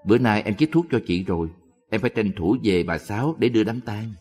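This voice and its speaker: An eager young relative who gives injections, read by a man. The talk is earnest and hurried, very low in pitch, with long hall reverb. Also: lively intonation, a little mellow, breathy edge.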